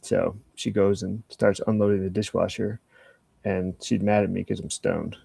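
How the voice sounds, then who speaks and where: A man's voice: low voice, fairly even intonation, moderate pace, creaky, mellow, slightly rough, dry recording. An older man co-hosting a casual podcast, rambling through stories and ideas, swearing freely and acting out both sides of a conversation. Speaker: podcast co-host. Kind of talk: casual chat.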